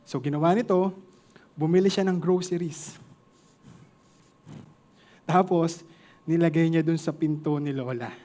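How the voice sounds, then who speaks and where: A man's voice: on the high side, fairly even intonation, measured pace, long pauses, warm tone. A man with a Filipino accent preaching a sermon to a congregation, mixing two languages and joking with the listeners.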